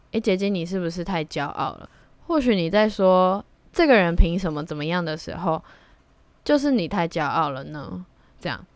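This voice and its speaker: A young woman talks casually into a close podcast mic. Her voice is low and smooth, and the sound is dry and close. She is frank and reflective and drops in blunt slang now and then. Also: no room sound. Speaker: podcast host. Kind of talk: casual solo podcast monologue.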